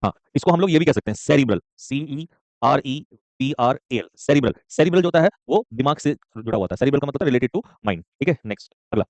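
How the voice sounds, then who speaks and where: A man teaching a live online vocabulary class, joking and rapid, often checking in with students and calling them son. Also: mid-range voice, lively intonation, no echo. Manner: joking, rapid, keeps asking "okay?"; addresses students warmly as son.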